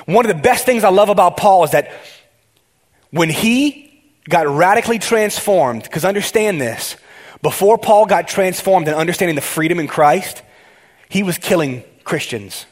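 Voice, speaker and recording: A male pastor preaching a conversational sermon, excitable and talking straight to his congregation, often restarting his sentences. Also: high voice, normal speed.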